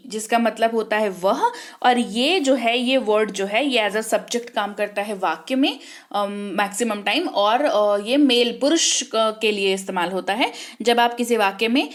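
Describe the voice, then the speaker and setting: A woman teaching an online spelling lesson who asks the class questions and answers them herself, spelling out words slowly and repeating them. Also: fairly high pitch. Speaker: English teacher.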